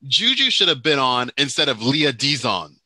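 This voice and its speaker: A man co-hosting a casual chat, rambling and animated, full of restarts and asides. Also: mid-range voice, normal speed, no echo. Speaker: podcast co-host. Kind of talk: casual chat about Japanese pop music.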